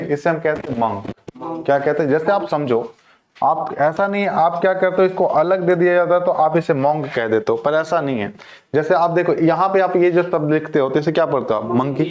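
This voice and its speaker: A male teacher giving a classroom lecture on English pronunciation. He keeps asking the class questions and then answering them himself. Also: a little high.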